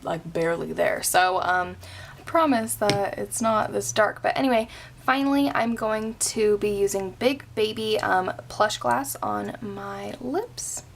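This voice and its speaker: A woman's voice: medium pitch, a little slow, vocal fry, a little hiss or hum. A young woman talking through a makeup tutorial in a chatty, rambling way, full of ums and likes. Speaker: beauty vlogger.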